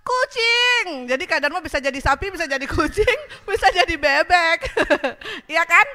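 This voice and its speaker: A woman's voice: very high-pitched, moderate pace, bright, forceful tone. A young woman hosting a children's radio show, cheerful and coaxing as she talks with small children in the studio.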